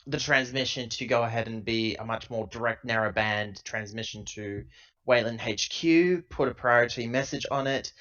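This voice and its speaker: On a lo-fi laptop recording, a man at a moderate pace and medium pitch thinks aloud while playing a tabletop roleplaying game. He improvises casually, and his talk meanders.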